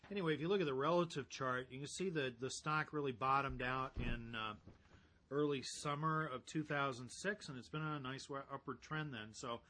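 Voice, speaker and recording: Measured man thinking aloud over stock figures. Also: mid-range voice, bright, forceful tone. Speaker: value-investing co-host. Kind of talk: casual financial talk show banter.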